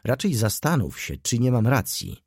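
A man's voice: medium pitch, very animated, normal speed, a little mellow, slightly rough, dry recording, clean studio sound. A man playing a brusque, ironic doctor. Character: stern, ironic middle-aged male doctor.

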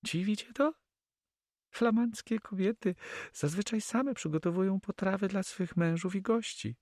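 A man voicing a tender, anxious young Flemish woman in an audiobook, in a soft pleading tone. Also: high voice, unhurried, dry recording, clean studio sound, voice pushed up. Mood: eager. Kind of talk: audiobook character reading.

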